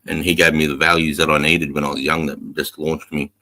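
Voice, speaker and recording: A man's voice: a bass voice, little pitch movement, a little fast, pushed and bright, a little hiss or hum. An Australian man in his forties chatting casually and bluntly, swearing heavily and using blokey Aussie slang. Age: 40s. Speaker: military veteran and podcast talker. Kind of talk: casual chat.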